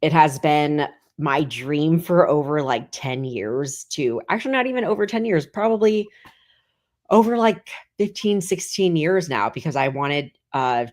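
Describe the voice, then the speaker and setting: A woman's voice: deep voice, animated, unhurried, darkish tone. A woman in her thirties, a guest comedian, chatting casually and rambling with lots of "like.". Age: 30s. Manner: rambling, heavy filler "like". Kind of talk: casual chat.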